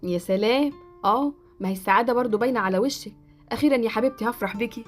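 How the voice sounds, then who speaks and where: A teasing, affectionate mother , voiced by a woman, jokes in Egyptian Arabic in a fairly high voice. She speaks very fast, with soft music underneath in this Roblox drama. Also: natural voice. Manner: affectionate, joking. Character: middle-aged mother, warm and teasing.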